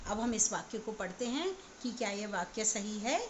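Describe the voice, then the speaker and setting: A woman teacher giving an online class to young children, spelling words out slowly sound by sound. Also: medium pitch, slight background noise. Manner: slow, sound-by-sound spelling aloud. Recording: slightly dull, lo-fi recording.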